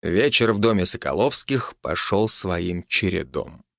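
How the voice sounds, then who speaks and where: A man reading an audiobook chapter as narrator, with an even, measured delivery. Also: low voice, creaky, background noise. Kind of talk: scripted narration.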